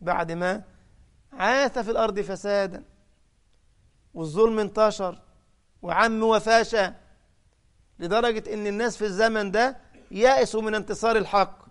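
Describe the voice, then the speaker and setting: A man preaching a sermon in an Egyptian Arabic accent, his voice sitting high for a man. He tells the story dramatically, raising his voice for the cries he quotes and landing hard on key points. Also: normal speed, pauses often, smooth.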